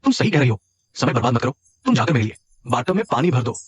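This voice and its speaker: A man's voice: mid-range voice, big pitch swings, fast, slightly rough, highs cut off. An actor playing a smug company boss who orders his staff around. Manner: smug, bossy. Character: smug middle-aged male CEO.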